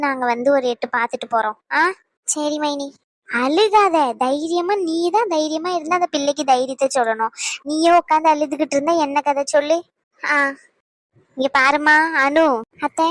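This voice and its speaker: Chatty middle-aged village aunties give homely advice and comfort, all voiced by one woman. The voice sits high and is recorded close and dry, with no room sound. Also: normal speed, no echo, close to an everyday voice. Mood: consoling. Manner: homely, advising, consoling. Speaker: voice actor. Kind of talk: cartoon voice acting.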